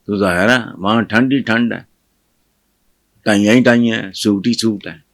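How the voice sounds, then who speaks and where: An older man from Pakistan giving fiery political commentary, scornful and scolding, with loud bursts of mockery. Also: lowish voice, dry recording.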